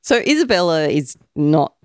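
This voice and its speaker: Animated woman, lively pitch. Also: normal speed, no room sound. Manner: animated, opinionated, swears freely. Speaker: podcast co-host reviewing a film. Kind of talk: casual chat.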